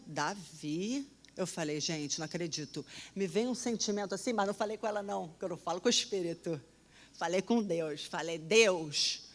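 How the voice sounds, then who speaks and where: A woman telling a personal testimony in an animated, dramatic way, often dropping to a hushed voice. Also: medium pitch. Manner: animated, dramatic storytelling with sudden drops to a hush. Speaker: storyteller.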